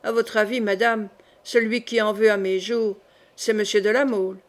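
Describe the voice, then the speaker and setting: A woman's voice: mid-range voice, flat delivery, normal speed, lightly acted. A woman reading aloud, voicing a sick young king who speaks in a guarded, ironic way.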